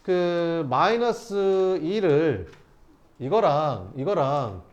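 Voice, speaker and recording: A man's voice: on the high side, expressive, very slow, dull audio. A man teaching math to students, asking rhetorical questions and answering them himself. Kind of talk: lecturing students through problems.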